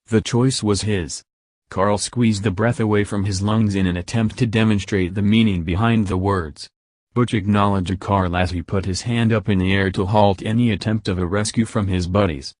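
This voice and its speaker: Low-voiced male audiobook narrator. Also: a little mellow, no room sound.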